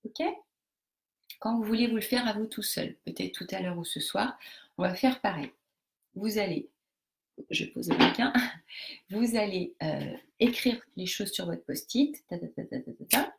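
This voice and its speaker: A woman's voice: mid-range voice, gravelly, background noise. A woman leading a live group coaching session, explaining a technique step by step to participants with frequent hesitations and restarts. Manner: hesitant, many fillers and restarts while explaining; instructive, talks directly to participants.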